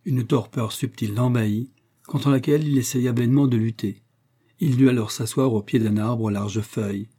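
A man narrating an audiobook in a steady, measured way. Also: medium pitch, breathy edge.

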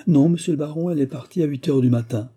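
A man's voice: on the high side, quick pace, mellow, slightly rough, pitched above the performer's own voice. A man voicing a polite, deferential female concierge in an audiobook, who answers respectfully and keeps addressing the baron formally. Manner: respectful, repeats "monsieur le baron".

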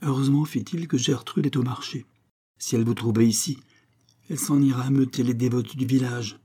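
A man's voice: medium pitch, steady tone, a little fast, mellow, husky, lightly acted. A man playing a fretful, fussy male country priest who worries aloud. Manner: worried, fussing.

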